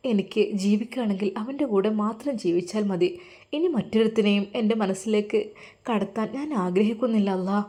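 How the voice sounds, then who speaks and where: A woman's voice: mid-range voice, brisk, mellow, natural voice. A woman voicing a grieving young woman who pleads tearfully in prayer, in a storybook telling. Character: grieving young woman praying for her sick beloved.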